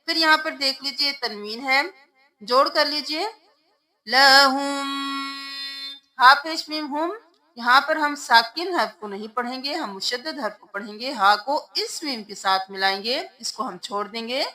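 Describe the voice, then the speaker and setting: Woman teaching tajweed, spells words out slow letter by letter, high bright voice. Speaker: Quran recitation teacher. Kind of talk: tajweed lesson.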